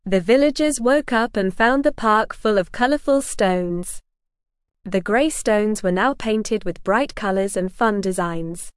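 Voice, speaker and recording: A woman reading a children's storybook aloud in an even, clear storytelling manner. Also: medium pitch, measured pace, no echo, clean studio sound.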